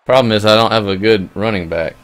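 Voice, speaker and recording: A man's voice: on the low side, fast talker. A man co-hosting a live game stream, talking through his match and poking fun at his own play. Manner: self-deprecating, talks while playing. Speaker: co-host playing a video game match. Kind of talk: casual live-stream chat.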